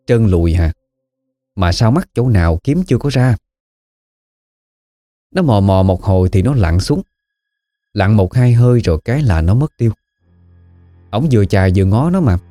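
A man with a Southern Vietnamese accent telling a spooky story in a relaxed, folksy way. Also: lowish voice. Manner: relaxed folksy storytelling with lively rises and falls.

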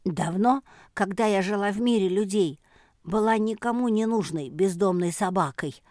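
A woman's voice: mid-range voice, moderate pace, a little mellow, no echo, studio quality, voice pushed up, close to an everyday voice. A woman voicing an earnest, literal-minded female dog who was once a stray.

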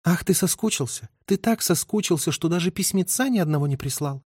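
A man's voice: a little high, expressive, fairly quick, darkish tone, slightly rough, no echo, clean studio sound, pitched above the performer's own voice. A man voicing a young woman, a wartime army nurse, who speaks in a bitter, stubborn, reproachful way.

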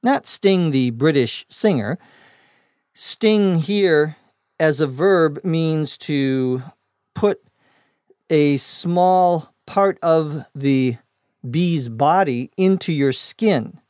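Slow, deliberate male English teacher. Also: on the high side, lively intonation, a little mellow, clean tone, no room sound, clean studio sound. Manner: explains words plainly and spells them out letter by letter. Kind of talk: slow scripted vocabulary lesson.

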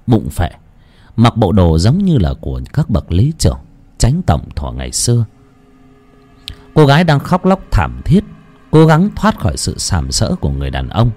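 A man's voice: deep voice, warm tone. A man narrating a horror story in a dramatic, ominous manner. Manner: dramatic, slow and ominous at times.

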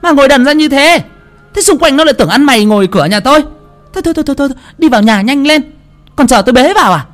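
Casting: a man doing a sour shrill snobbish daughter, very high-pitched, storybook. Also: expressive, racing, soft background music. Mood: haughty. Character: sour-tongued adult daughter, shrill and haughty.

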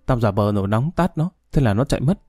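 Curt, vengeful male convict in a storybook reading, mellow low voice, as a male narrator reads him. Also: lively intonation, fast talker, breathy edge, no room sound, studio quality, soft background music. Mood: bitter. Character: hardened male death-row prisoner, bitter.

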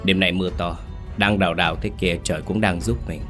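A man's voice: deep voice, steady tone, brisk, over music, lightly acted. A man voicing a ruthless male bandit leader who talks in a threatening, menacing way in a spoken horror story. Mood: cold.

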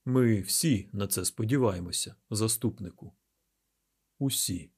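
A man reading an audiobook plays a calm, calculating male mayor laying out a plan in a measured, deliberate way. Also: lowish voice, breathy edge.

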